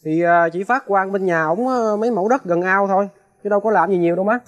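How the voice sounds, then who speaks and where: A man's voice: high voice, close to an everyday voice. Young man playing a defiant hot-headed son. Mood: casual. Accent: Southern Vietnamese. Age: young adult. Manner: curt, defiant, rapid. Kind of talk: TV crime reenactment drama.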